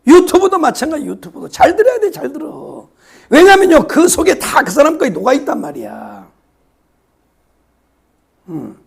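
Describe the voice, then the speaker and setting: A hoarse man, preaching a sermon and repeating his phrases with emphasis, sometimes dropping to a whisper. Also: very high-pitched, wildly swooping pitch, a little slow, pauses often. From South Korea, Yeosu-Suncheon area. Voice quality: raspy. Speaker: pastor.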